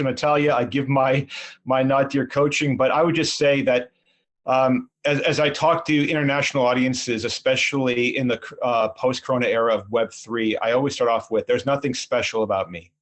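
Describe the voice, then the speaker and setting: A middle-aged man answering interview questions earnestly, rambling and self-deprecating, with frequent restarts. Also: medium pitch. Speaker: sports league commissioner.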